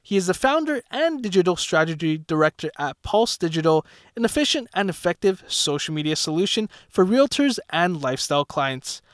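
A man's voice: high voice, big pitch swings, fairly quick, smooth, dry recording, studio quality. A man hosting a podcast interview in a casual, friendly way, often backing up the guest with "yeah" and "right". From Canada. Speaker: podcast host and realtor.

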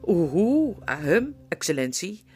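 A woman's voice: fairly low pitch, big pitch swings, measured pace, darkish tone, soft background music. A woman doing a hooting, fussy old owl. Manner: hooting, flustered, muttering.

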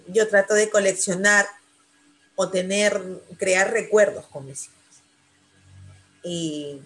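A middle-aged woman in a casual panel chat, speaking openly and emotionally about raising her children. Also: mid-range voice. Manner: emotional, talks of near tears. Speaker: mother of grown children.

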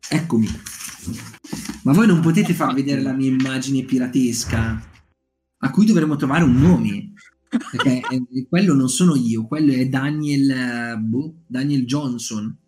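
A man's voice: medium pitch, a little slow, darkish tone, slight background noise. A man hosting a casual live stream, recommending short stories and chatting with his audience, with lots of fillers and restarts. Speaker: streamer leading a writing group. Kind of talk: casual live-stream chat with book reading.

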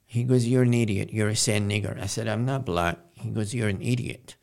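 Man from Jerusalem, gravelly voice, lowish pitch, halting and earnest, interview guest. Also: steady tone, darkish tone. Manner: halting, earnest, many pauses. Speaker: guest poet. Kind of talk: casual interview talk.

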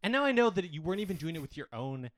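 A man playing a petty, bragging male head of the family in an improvised comedy audio drama, spiteful and prone to loud outbursts. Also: sits high, big pitch swings, rapid-fire, no room sound, studio quality. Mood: gloating.

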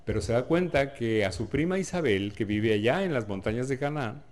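A man's voice: mid-range voice, expressive, a little fast, darkish tone. A man preaching a sermon in a conversational way, often asking the listeners rhetorical questions and joking with them. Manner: jokes with the audience.

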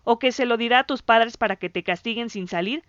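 A woman voicing an excitable boy who stammers and shouts insults at his friend. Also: a little high, brisk, no room sound, highs cut off, lightly acted. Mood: furious.

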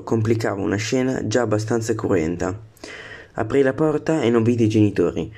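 A man with a low, gravelly voice reads a novel aloud, stopping now and then to correct a word he tripped over. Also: a little mellow. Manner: stumbles and corrects himself on words. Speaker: book reader.

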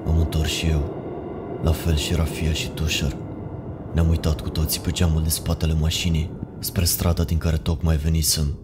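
A man narrating a horror story in a measured, ominous way. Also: very deep voice, monotone. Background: music.

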